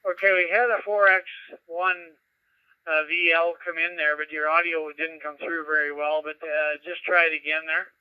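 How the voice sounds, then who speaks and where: A man acting as net control for an amateur radio net. His voice comes through a scanner radio, and he speaks haltingly with many fillers while spelling out call signs. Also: a little high, flat delivery, smooth, dry recording, dull audio. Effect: radio received through a scanner.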